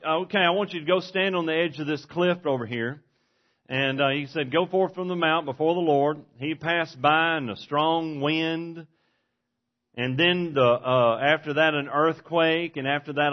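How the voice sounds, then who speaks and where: A man preaching a sermon in an earnest manner, swinging between forceful and hushed delivery. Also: a little high. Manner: earnest, varies volume widely, from forceful to hushed. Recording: dull lo-fi recording.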